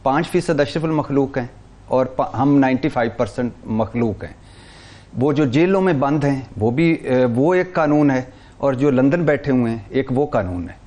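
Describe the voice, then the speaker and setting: A man's voice: mid-range voice, animated, a little mellow. A man with a Pakistani accent, speaking as a guest commentator in a heated TV talk-show debate, emphatic and rattling off long lists of names.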